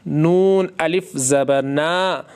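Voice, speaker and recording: Slow, smooth man spelling Quran verses. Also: a little high, darkish tone. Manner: slow drawn-out spelling with quick explanations in between; asks questions and answers them himself. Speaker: Quran recitation teacher. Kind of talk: spelling out Quranic words letter by letter.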